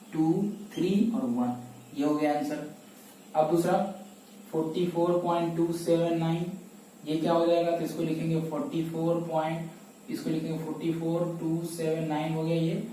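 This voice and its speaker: A man with a fairly high, mellow voice leads a step-by-step math lesson in an echoey room, heard from a distance with slight background noise. He repeats key steps and answers his own questions.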